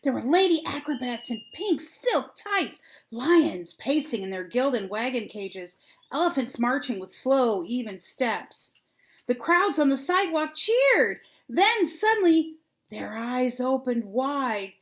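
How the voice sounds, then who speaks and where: An older woman, a grandmother, reading a children's storybook aloud with deliberate, dramatic phrasing and drawn-out words. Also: high voice, very animated.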